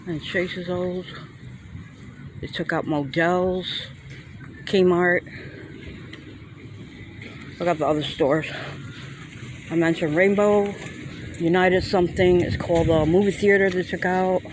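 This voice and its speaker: A man's voice: high-pitched, steady tone, slow pace, pauses often, poor audio. Man rambling on a plaza walk. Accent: New York. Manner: rambling, thinking aloud while walking. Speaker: vlogger. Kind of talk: casual walking tour commentary. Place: outdoor shopping plaza sidewalk. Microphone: handheld phone camera. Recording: outdoor street noise on phone.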